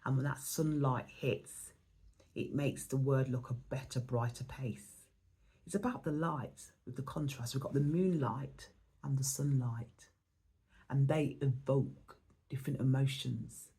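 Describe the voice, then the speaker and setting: Her rumbling low voice stays steady, warm, and unhurried as this English woman, hoarse and nearly voiceless, rambles thoughtfully through an oracle card reading in her spiritual vlog.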